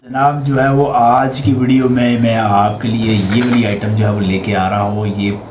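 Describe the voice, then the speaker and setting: Lower-voiced Pakistani man, eager review patter. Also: normal speed, over loud music. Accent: Pakistani Urdu. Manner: leans constantly on the filler "jo hai vo"; upbeat and eager when praising the product. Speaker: host, stationery product reviewer. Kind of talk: product review vlog. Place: small indoor room. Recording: steady background noise, slightly dull.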